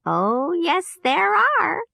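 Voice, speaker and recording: A woman voicing a kind good witch for a storybook reading, slow and soothing. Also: very high-pitched, huge pitch swings, creaky, pushed and bright, no echo, clean studio sound, pitched above the performer's own voice, heavily acted. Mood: kindly.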